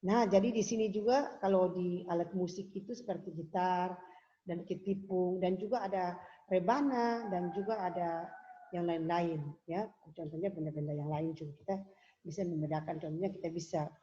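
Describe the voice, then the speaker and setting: A woman teaching young pupils in a recorded lesson, explaining patiently, repeating herself and pausing with fillers. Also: fairly low pitch, dark tone. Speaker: religious school teacher. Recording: dull lo-fi home video audio.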